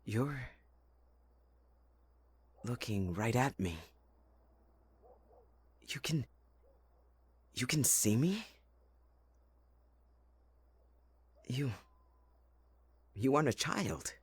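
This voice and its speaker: A man playing Jack Frost, a playful, possessive young winter spirit, with a husky voice in a dramatic, intimate ASMR roleplay. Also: medium pitch, animated, very slow, long pauses, full character voice. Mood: amazed, excited. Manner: teasing, dramatic, addressing the listener closely.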